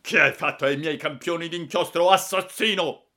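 A man voicing a flustered, irate older salesman who shouts and sputters in outbursts. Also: on the high side, normal speed, pitched above the performer's own voice. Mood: furious.

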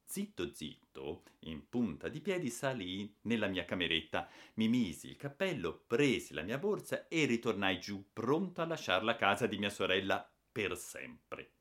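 A man's voice: on the low side, very animated, moderate pace, hardly any pauses, a bit bright. A man narrating a children's story in the first person, with a dramatic and theatrical delivery. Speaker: audiobook narrator.

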